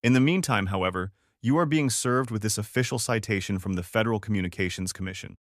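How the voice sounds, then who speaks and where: A composed male official in a sharp suit who stays polite but firm, speaking with quiet authority in a lowish, even voice, as a narrator puts him on. It is a dry, close storybook reading. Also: fast, no echo, natural voice.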